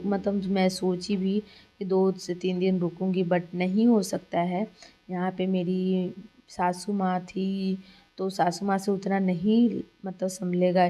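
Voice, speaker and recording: Narrating her family vlog, a young woman from Kolkata, India speaks in a low, mellow voice with a flat, even delivery. This vlogger rambles in a chatty voice-over full of fillers, with slight background noise.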